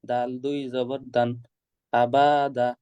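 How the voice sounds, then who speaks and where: A man's voice: medium pitch, flat delivery, very slow, warm tone, clean tone, no room sound, highs cut off. A man as a student in an online Quran class, reading hesitantly and sounding nervous and apologetic. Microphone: video call.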